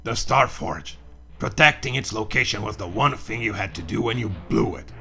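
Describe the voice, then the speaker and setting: Han Solo, a man doing a gruff bitter old smuggler. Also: lowish voice, moderate pace, sharp tone, faint music behind, voice pushed down. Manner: bitter, clipped reproach. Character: gruff, resentful older male space smuggler.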